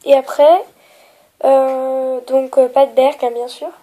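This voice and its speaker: Young girl with a cold, nasal stuffy voice, high and mellow, lots of euh while showing a craft. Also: flat delivery, slow pace, rough recording. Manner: hesitant, many fillers, softly trailing off. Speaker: polymer clay tutorial maker. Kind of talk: casual craft tutorial.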